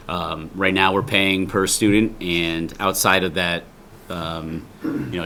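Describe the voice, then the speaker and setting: A man speaking on finances at a town board meeting, measured and hesitant. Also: sits low, sharp tone, a little hiss or hum. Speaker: finance official. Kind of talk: public meeting remarks.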